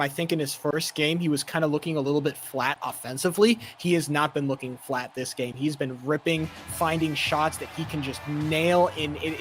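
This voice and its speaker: A man giving color commentary on a live game, chatty and analytical, often using fillers. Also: on the high side.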